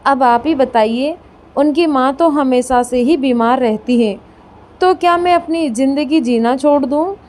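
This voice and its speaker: A woman's voice: sits high, a little slow, darkish tone. A woman voicing a spoiled, tearful young married daughter complaining in a storybook reading.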